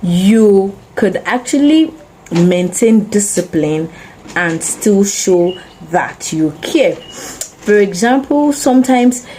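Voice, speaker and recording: Slow, mellow-voiced woman giving parenting advice. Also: mid-range voice, animated, a little hiss or hum, poor audio. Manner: earnest, gentle and advising, addressing parents directly. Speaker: parenting channel host. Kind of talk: spoken parenting advice to camera.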